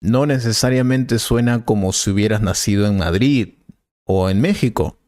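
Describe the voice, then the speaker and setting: Calm male professor voiced by a man for a scripted teaching dialogue: patient, slow, dry studio read. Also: lowish voice, no room sound, natural voice. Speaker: Spanish teacher.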